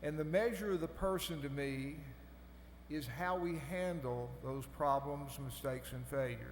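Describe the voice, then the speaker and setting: A man giving a formal podium speech as a commencement speaker, deliberate and phrase by phrase, in a large hall. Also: on the high side. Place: large hall over a PA system. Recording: echoey hall, humming background noise.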